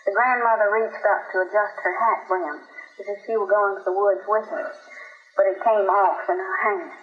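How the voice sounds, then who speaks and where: A woman narrating a story at a steady, unhurried pace. Her voice sits in the middle of the range. The recording is dull and roomy. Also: mid-range voice. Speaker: audiobook narrator. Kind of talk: scripted narration.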